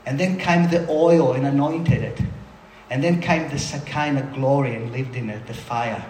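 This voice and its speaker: A man preaching a sermon in a lively, conversational way, breaking off for quick asides to the room. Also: mid-range voice, a little hiss or hum. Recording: roomy hall sound with faint ambience.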